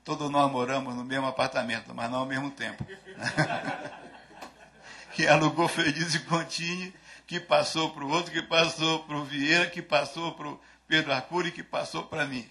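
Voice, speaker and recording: A man's voice: on the high side, level tone, moderate pace, bright, forceful tone. An older man from Brazil giving a conference talk from a lectern into a stand microphone, hesitant with frequent restarts and fillers. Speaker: speaker at a conference. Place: lecture hall, at a lectern. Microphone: podium microphone on a stand.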